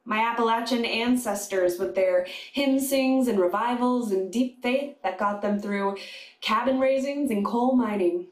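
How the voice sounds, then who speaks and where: A woman chaplain delivering a sermon to a congregation, slow and deliberate with pauses. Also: a little high. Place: congregation sanctuary. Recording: echoey room.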